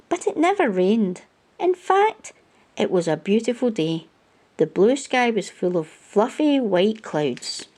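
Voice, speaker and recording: As a storytime host, a woman reads a children's picture book aloud in a mid-range voice, using expressive storyteller phrasing.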